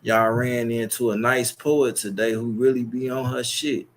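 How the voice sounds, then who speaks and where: A young Chicago-accented YouTube streamer talks straight to his viewers in a long, boastful, profane, rambling monologue. His voice sits in the mid range, and he delivers it flatly at a normal speed.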